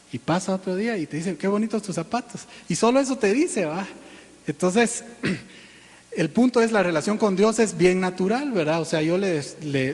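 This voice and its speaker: A pastor preaching in a conversational way, often clearing his throat and checking in with "¿verdad?" and "¿va?". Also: high-pitched. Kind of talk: sermon. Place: church sanctuary. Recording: long church-hall reverb.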